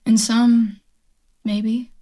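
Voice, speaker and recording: A woman's fairly high, warm voice comes very slowly and with a flat delivery as she acts in a radio drama. She plays a survival-minded, defiant militia stranger, blunt, folksy and speechifying, with a fierce, scornful mood.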